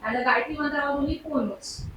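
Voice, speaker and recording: A woman with an Indian accent talking informally on stage at an open mic, nervous and hesitant, with halting false starts. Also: sits high, a bit bright. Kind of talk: informal rambling talk on stage. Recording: very echoey room, distant mic, background noise.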